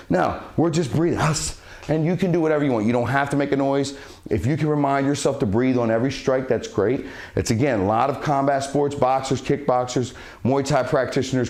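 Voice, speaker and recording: A man coaching a martial arts cardio workout, a little out of breath as he demonstrates the kicks. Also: medium pitch. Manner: breathes sharp huss sounds on strikes while demonstrating. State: slightly out of breath from exercising. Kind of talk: instructional workout talk.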